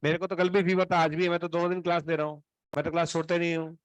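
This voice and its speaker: A man's voice: fairly high pitch, level tone, racing, smooth, dry recording. Stern sarcastic man scolding his class. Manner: stern, sarcastic, questioning students one by one. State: feverish, throat unwell. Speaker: coaching teacher.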